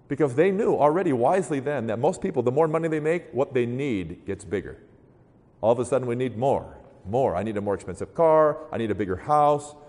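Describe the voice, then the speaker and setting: A man's voice: medium pitch, darkish tone, in a large hall. A man giving a sermon in a loose, conversational storytelling manner, acting out the voices of people in his stories.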